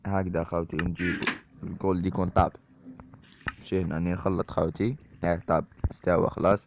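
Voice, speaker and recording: Algerian guy doing chatty game commentary, deep voice with some fry, dull lo-fi mic, hiss behind. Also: quick pace. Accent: Algerian Arabic. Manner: chatty, keeps addressing viewers as brothers. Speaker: gaming YouTuber. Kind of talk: Minecraft let's-play commentary. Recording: dull lo-fi mic with steady noise.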